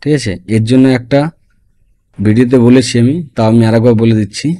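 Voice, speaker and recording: A man with a mellow, warm voice gives a patient spoken language lesson. He breaks each phrase into parts and keeps checking that his listeners follow. His pitch sits in the middle range. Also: fairly even intonation, fairly quick. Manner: explains phrase by phrase, often asking "okay?". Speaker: language teacher.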